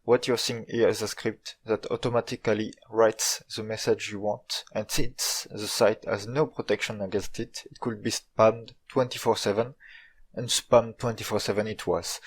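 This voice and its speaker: A man with a French accent narrates a video story in a fairly low voice. His delivery is informal, dry and tongue-in-cheek, as befits a native French speaker telling his tale in English. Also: low-quality recording. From France.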